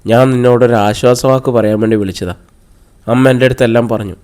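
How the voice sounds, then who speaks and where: A man's voice: mid-range voice, steady tone, quick pace, darkish tone, smooth, natural voice. A man reading the part of a preachy older sister who lectures her brother with sarcasm. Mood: lecturing.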